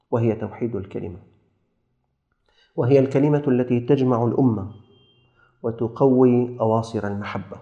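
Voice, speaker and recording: A man giving a sermon, impassioned, rising to fervent appeals and dropping low and intimate. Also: vocal fry, mellow, echoey room, lo-fi sound. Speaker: preacher.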